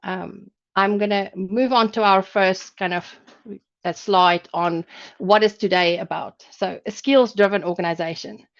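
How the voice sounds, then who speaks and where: A woman's voice: medium pitch, steady tone, measured pace. A woman born in South Africa presenting a business webinar over a video call, explaining points in a loose, conversational way. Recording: dull lo-fi call audio.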